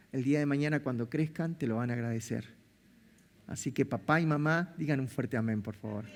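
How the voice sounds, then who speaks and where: A man's voice: fairly high pitch, darkish tone. A man with an Argentine Spanish accent preaching a sermon as pastor, full of rhetorical questions and repeated phrases. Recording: long reverb of a big hall.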